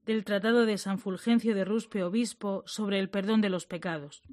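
A woman's voice: mid-range voice, fairly even intonation, moderate pace, a little mellow, no echo, studio quality. Woman solemnly reading religious text. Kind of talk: liturgical reading.

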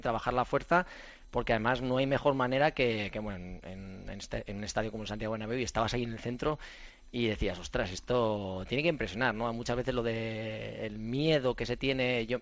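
A middle-aged man from Spain, a former athlete and running coach, chatting on a radio show in an animated, storytelling way with lots of fillers and restarts. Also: medium pitch, dry recording. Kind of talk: casual radio chat.

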